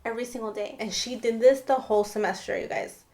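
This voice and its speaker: A woman's voice: on the high side, fast, a little mellow. A young woman telling a personal dating story to her viewers in a casual, emphatic storytime style. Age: young adult. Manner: chatty and emphatic, often addressing viewers. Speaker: storytime vlogger.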